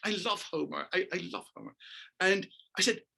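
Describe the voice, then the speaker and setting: Middle-aged guy from northern ireland, dance guy on an interview, keeps saying the host's name, bright forceful voice, kinda high. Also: normal speed, creaky, slightly rough. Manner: animated, emphatic storyteller who keeps addressing the host by name. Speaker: guest, dancer and choreographer. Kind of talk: storytelling interview.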